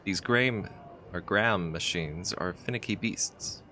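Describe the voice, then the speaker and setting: A man reading a gruff, proud woman artificer aloud from a text adventure game, in a brusque, grumbling way. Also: sits low, a little slow, sharp tone, slight background noise.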